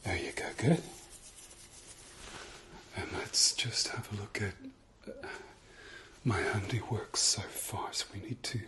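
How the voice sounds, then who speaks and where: A British man doing an ASMR whispered role-play, soft-spoken and slipping into whispers, giving insistent, repeated instructions and reassurance. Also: fairly low pitch, expressive, takes it slowly, long pauses, a little hiss or hum.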